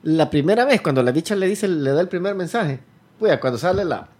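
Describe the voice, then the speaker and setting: A husky-voiced man in a casual movie chat. His pitch swings widely as he acts out scenes with sound effects and slangy swearing. He sounds loose and animated. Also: fairly quick.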